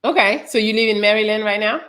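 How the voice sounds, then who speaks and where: A woman's voice: medium pitch, fast talker, fairly bright tone. A woman from Paris hosting a casual live-stream, chatting with callers and asking them lots of questions. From Paris, France. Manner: friendly, curious, asks lots of questions. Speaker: host.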